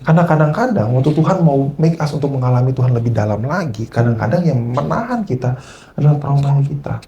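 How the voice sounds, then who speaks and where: A male preacher at a church service speaks with an animated, storytelling delivery. He slips English phrases into his sermon and keeps asking the congregation whether they follow. His voice sits at an ordinary middle pitch, with a faint hiss behind it. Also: fast talker, highs cut off.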